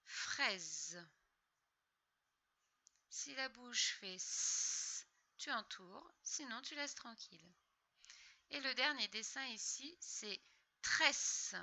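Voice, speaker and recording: A woman teacher giving a slow, patient, step-by-step reading lesson to young children. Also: a little high, sharp tone.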